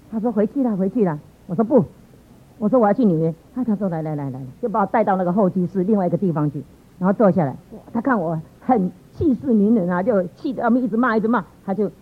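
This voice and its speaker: A middle-aged woman giving a personal church testimony in a lively, exclamatory way with frequent laughter. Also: mid-range voice, husky. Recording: tinny phone-like sound.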